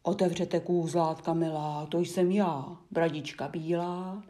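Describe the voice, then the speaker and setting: A woman's voice: on the low side, steady tone, warm tone, natural voice. A woman voicing a sly hairy male wolf who pretends to be a mother goat, coaxing, in whispered role-play.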